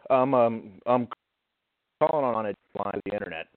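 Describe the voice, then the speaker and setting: Guy calling in, line choppy and cutting out mid word, halting, tinny phone sound. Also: medium pitch, expressive, no room sound. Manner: halting, repeats words with many fillers. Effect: choppy signal cutting in and out, words dropping off. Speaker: caller. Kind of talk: casual call-in chat.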